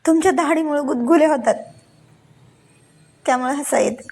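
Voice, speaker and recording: A woman's voice: high voice, normal speed, darkish tone, pitched above the performer's own voice. A woman voicing a bashful but teasing young wife in a read-aloud story, speaking lightly and playfully.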